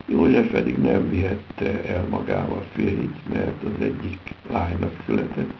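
A man giving a theatrical reading of literary prose, with a dramatic delivery. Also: gravelly. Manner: theatrical, dramatic delivery with big pitch swings. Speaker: reader. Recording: dull lo-fi recording with steady background noise.

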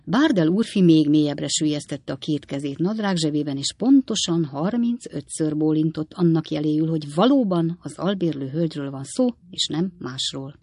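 Low-voiced woman reading a story. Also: animated, few pauses, dark tone, dry recording, studio quality. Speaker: audiobook narrator. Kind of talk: scripted narration of a classic novel.

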